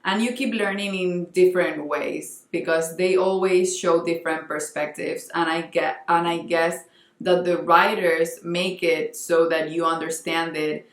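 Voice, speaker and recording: Low-voiced Colombian woman reviewing books. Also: fairly even intonation, a little slow, roomy sound. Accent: Colombian Spanish. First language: Spanish. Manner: earnest, restarts often while searching for words. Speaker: book vlogger. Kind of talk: casual book review vlog.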